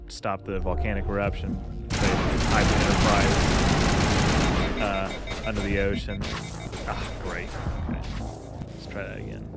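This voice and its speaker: A man's voice: deep voice, little pitch movement, measured pace. A man giving casual, rambling commentary over gameplay, with many fillers. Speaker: gaming channel host. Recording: game audio and music behind voice.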